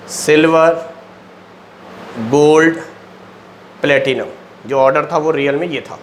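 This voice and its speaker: High-voiced teacher, quizzing himself. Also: male voice, a bit bright, a little hiss or hum. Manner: explanatory, repeats key points, asks and answers his own questions. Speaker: coaching teacher. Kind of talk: classroom lecture at a board.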